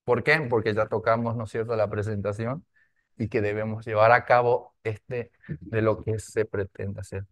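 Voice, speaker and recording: A man teaching a language class, going slowly and checking often that his students follow. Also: on the low side, flat delivery, dull audio. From Argentina. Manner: slow, repetitive, with frequent tag questions.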